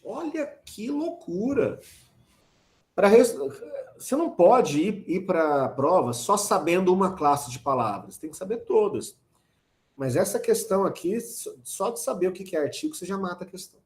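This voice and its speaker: A man with a Brazilian Portuguese accent teaching a lively online grammar class, talking straight to his students with teasing asides. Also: high voice, a little slow, roomy sound.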